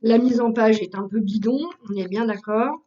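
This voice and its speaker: A woman who trains people on Google Workspace, explaining a software task step by step with frequent fillers, recorded as a screen tutorial. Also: fairly high pitch, normal speed, recorded from a distance, lo-fi sound.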